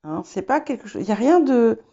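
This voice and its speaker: A woman giving a spoken tarot reading, hesitant and filling pauses as she talks. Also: a little high, big pitch swings, warm tone, muffled recording. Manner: hesitant, many fillers and restarts. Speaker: tarot reader. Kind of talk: casual spoken tarot guidance.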